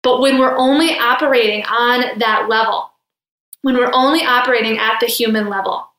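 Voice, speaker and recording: A woman's voice: a little high, moderate pace, pushed and bright, roomy sound. A young adult woman hosting a spiritual podcast, talking in an earnest, chatty way with fillers. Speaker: podcast host.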